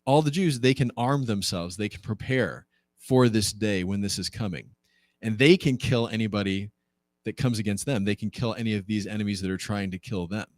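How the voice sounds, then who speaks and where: A low-voiced man leads a Bible class as its pastor, retelling the story in a loose, conversational way. He keeps turning to the class with rhetorical questions and jumps up in pitch to act out what the characters say. The sound is dry and close. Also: a little fast, dry recording. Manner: conversational and animated, acts out quoted lines with jumps in pitch.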